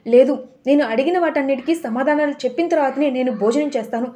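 A woman's voice: high voice, fast talker, dark tone, lightly acted. A woman voicing a stubborn, angry little boy who insists on being answered, in a storybook retelling. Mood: stubborn, defiant. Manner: insistent, defiant.

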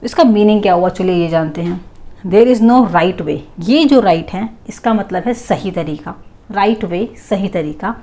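A woman teaching a grammar lesson, explaining in Hindi and reading English example sentences out slowly. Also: mid-range voice, expressive, mellow.

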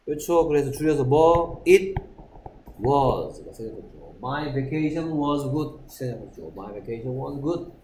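A male English teacher going through a textbook dialogue in a classroom lesson. He reads the English lines slowly and deliberately and keeps asking his students whether they follow. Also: mid-range voice, big pitch swings, a little mellow, a little hiss or hum.

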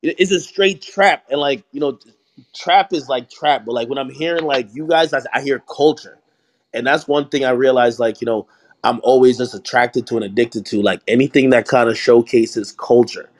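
A man's voice: medium pitch, normal speed. A young man from Jamaica, a hip hop media host, talking in a casual group voice chat, rambling with many restarts and "you know what I mean" fillers. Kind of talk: casual audio chat room conversation.

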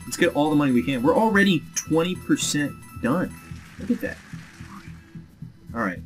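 Excitable young man commenting on gameplay. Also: on the high side, soft background music. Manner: excitable, quick reactions. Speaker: let's play host.

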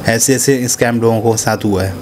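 Hindi-speaking man pitching, chatty. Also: moderate pace, darkish tone. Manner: conversational, repeats "है ना" and "ठीक है" tags. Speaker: business consultant pitching supermarket setup. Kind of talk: casual direct-to-camera pitch. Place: small indoor office room. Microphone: handheld clip mic held near chin.

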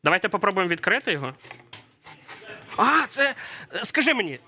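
A man's voice: high-pitched, very animated, brisk, vocal fry, sharp tone. A man unboxing on stream in casual chat, playful and full of jokes. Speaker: streamer unboxing a collector's edition.

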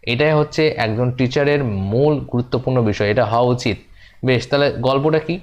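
A man's voice: medium pitch, normal speed, a little hiss or hum. A man explaining a classroom demo lesson, talking straight to the viewer and repeating key points, sometimes slipping into a sing-song storytelling voice for children. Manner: chatty, talks to the viewer as "you", repeats points. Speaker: teacher-exam coach.

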